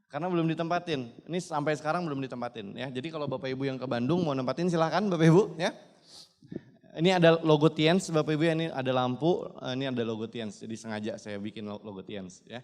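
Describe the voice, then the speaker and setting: A man in his twenties speaks quickly in a medium-pitched, slightly mellow voice, sharing a motivational testimonial at a business seminar. He keeps emphatically turning to address the crowd, and a long hall reverb hangs over the sound.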